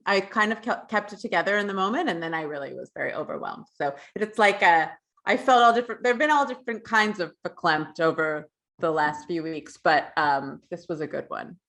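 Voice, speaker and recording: A woman in her thirties co-hosting a live podcast, bubbly and quick to laugh. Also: mid-range voice, a bit bright. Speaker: podcast co-host.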